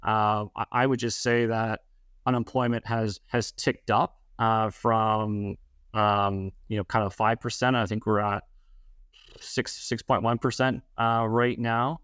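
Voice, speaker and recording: A man's voice: fairly low pitch, level tone, unhurried, a bit bright, smooth, no room sound, clean studio sound. A Canadian man, a real estate advisor answering interview questions, speaking in a hesitant way with many fillers and restarts.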